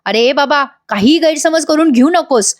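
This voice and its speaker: A woman's voice: high voice, animated, measured pace, pitched above the performer's own voice. A woman voicing an earnest, defensive young man in a serial recap. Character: earnest young man, protective brother-figure.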